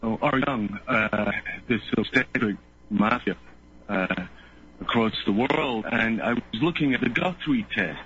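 A male caller on a clipped phone line, talking haltingly with many fillers and restarts. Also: fairly low pitch, fairly bright tone. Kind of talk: call-in radio talk. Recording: muffled phone line with faint noise.

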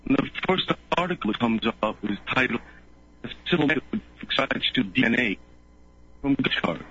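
A male caller on a clipped phone line, talking haltingly with many fillers and restarts. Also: mid-range voice, animated, bright, forceful tone, husky. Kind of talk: call-in radio talk. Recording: muffled phone line with faint noise.

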